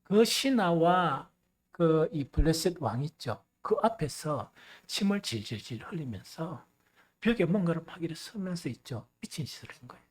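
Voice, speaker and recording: A male pastor preaching a sermon, animated and swinging between loud and hushed. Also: a little high, normal speed, husky.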